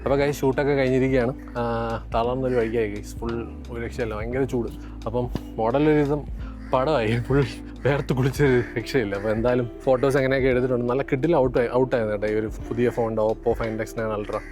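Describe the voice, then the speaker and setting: A man's voice: mid-range voice, fairly even intonation, fast talker, music in the background. A man with a Kerala accent chatting casually as a vlogger, mixing Malayalam and English and addressing his viewers as guys. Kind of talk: casual vlog chat.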